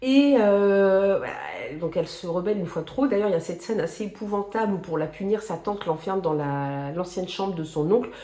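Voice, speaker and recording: A woman talking casually about books she loves, pausing often with fillers and restarting her sentences. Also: medium pitch, dark tone. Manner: hesitant, many fillers and restarts. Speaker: book reviewer. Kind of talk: casual book talk to camera. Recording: echoey room.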